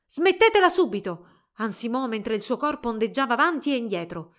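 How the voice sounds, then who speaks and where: A woman reading a fairy tale aloud in a calm, measured way. Her voice sits at an ordinary middle pitch. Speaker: storyteller. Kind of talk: storybook narration.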